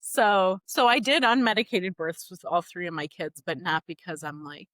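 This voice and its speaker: A woman's voice: on the low side, normal speed, dry recording. Chatty woman telling her story, dry sound. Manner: chatty and animated, many fillers like "like" and "you know". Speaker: podcast guest, doula business founder. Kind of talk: personal storytelling in a podcast interview.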